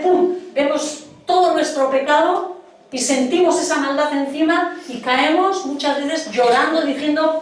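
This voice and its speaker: A woman's voice: sits high, far from the mic, a little hiss or hum. A middle-aged woman from preaching a sermon in a church hall, earnestly questioning her congregation. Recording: echoey hall, voice from afar.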